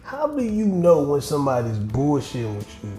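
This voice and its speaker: A man's voice: a little high, normal speed. Blunt, profane middle-aged man in an echoey room. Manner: blunt and profane, animated storytelling. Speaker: podcast host. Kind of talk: casual chat. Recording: echoey room with faint music.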